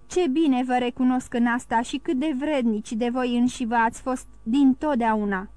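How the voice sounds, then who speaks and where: A woman voicing a cold, sardonic aristocratic count who speaks in a measured, icy way. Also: sits high, fairly even intonation, darkish tone, no room sound, lightly acted. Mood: scornful. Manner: cold and measured, bursting into scorn.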